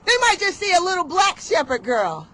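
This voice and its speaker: In a very high-pitched, sharp, sing-song voice at a moderate pace, a woman speaks at an outdoor motivational rally. She leads call-and-response with a rhythmic, emphatic, rhyming delivery.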